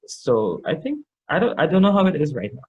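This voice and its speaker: A man with a Trinidadian accent chatting casually, a little drunk and halting as he searches for his words. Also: on the high side, very animated, a little mellow, slightly rough, muffled recording. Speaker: guest in a makeup challenge video. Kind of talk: casual chat.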